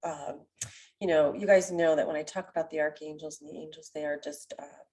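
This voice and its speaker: Woman, nasal, stuffy with a cold, mellow tone, lowish voice, gentle rambling spiritual talk. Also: fairly even intonation, fairly quick. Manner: gentle, meandering, with many ums. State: sick with a cold. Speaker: oracle card reader. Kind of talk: spiritual card reading to camera.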